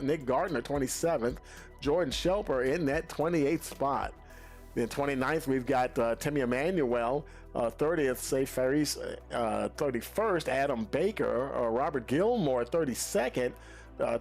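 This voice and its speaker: A man's voice: mid-range voice, gravelly. A man with a drawl runs a sim racing broadcast, reading results with plenty of "uh" and "I tell you". Faint music plays underneath his voice. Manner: folksy, many "uh" fillers, drawn-out phrasing. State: out of breath. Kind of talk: post-race interviews and results.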